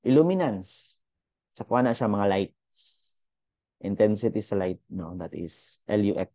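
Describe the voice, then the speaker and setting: A man's voice: fairly low pitch, expressive, unhurried, warm tone, no room sound. Chatty young male teacher. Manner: chatty, code-switching, thinks aloud with fillers. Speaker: physics teacher. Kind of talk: casual online lesson.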